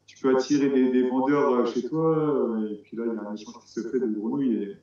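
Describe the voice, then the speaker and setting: A man's voice: mid-range voice, fairly even intonation, fast, warm tone. A man from France talks about breeding frogs, hesitant and full of restarts. His voice rings in a very echoey room. The sound is dull and muffled. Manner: hesitant, many restarts, explains step by step. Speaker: amateur frog breeder. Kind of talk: casual conversational interview.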